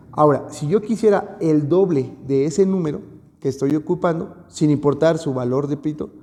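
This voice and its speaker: Male math teacher, mellow tone, patient and repetitive explainer; recorded in a hall with long reverb. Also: a little high. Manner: patient, repeats and stresses key points. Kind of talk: recorded video lesson.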